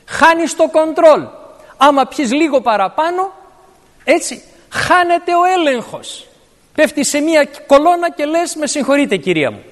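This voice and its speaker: A man preaching a sermon, explaining scripture word by word and verse by verse. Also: very high voice. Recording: long reverb of a large hall.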